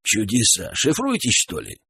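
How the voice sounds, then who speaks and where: A man voicing a gruff, suspicious armed man on a raft, speaking bluntly in an audiobook. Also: lowish voice, wildly swooping pitch, normal speed, pushed and bright, no room sound, clean studio sound, full character voice. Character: wary armed man guarding a raft house.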